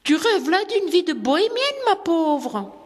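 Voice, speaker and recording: A brash tomboy of a little girl, as a woman reader plays her, teasing in a raised, lively voice. Her lines have a playful, mocking edge. A light room echo hangs around her. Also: extremely high pitch, measured pace, pitched above the performer's own voice, exaggerated voice.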